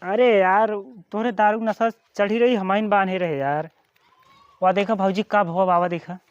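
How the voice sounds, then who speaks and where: A man's voice: high-pitched, steady tone, normal speed, no room sound, highs cut off, lightly acted. A man with an eastern Uttar Pradesh accent playing a bossy, scheming village brother-in-law in an amateur comedy skit. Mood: mock distressed.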